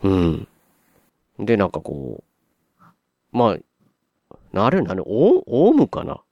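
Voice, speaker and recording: A man with a Kansai Japanese accent chats casually as a podcast co-host. He tells his stories in a lively way, acting out his own startled reactions, and his pitch rises and falls widely. His lowish voice sounds dry and close to the mic. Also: slow, dry recording, muffled recording.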